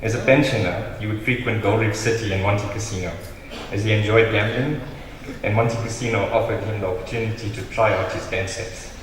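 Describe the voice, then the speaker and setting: A South African man delivers a solemn, measured eulogy in a slightly low voice. He reads from a prepared text, heard from far off in a very echoey hall with some noise. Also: steady tone, crowd noise. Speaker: family member giving a eulogy. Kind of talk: prepared funeral eulogy read aloud. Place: large reverberant hall. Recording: very echoey hall, distant mic, noisy.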